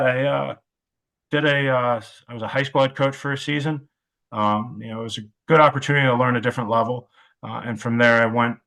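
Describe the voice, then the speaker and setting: A man in his thirties, a football coach and podcast guest, speaking reflectively and haltingly with many filler sounds. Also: mid-range voice, a bit bright. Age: 30s. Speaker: wide receivers coach. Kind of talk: podcast interview.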